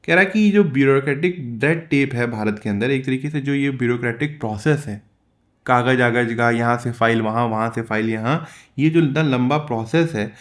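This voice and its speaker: A man teaching English comprehension, reading passages slowly in English and explaining them in Hindi, asking and answering his own questions. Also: medium pitch. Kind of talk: bilingual lesson explaining an editorial.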